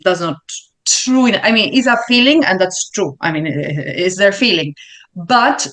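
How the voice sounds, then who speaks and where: A woman from Uruguay speaks English with a Spanish accent, answering interview questions at a thoughtful pace. She pauses often and fills gaps with small hesitations while she finds her words. Her pitch sits at an ordinary middle level. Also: lively intonation, fairly bright tone. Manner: thoughtful, searching for words with fillers. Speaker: learning consultant guest.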